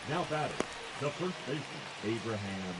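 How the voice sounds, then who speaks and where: A man playing a ballpark public address announcer, formally announcing players in measured phrases, heard distantly over noise. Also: medium pitch, sing-song, over a noisy crowd, close to an everyday voice. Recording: distant stadium speakers, noisy ambience.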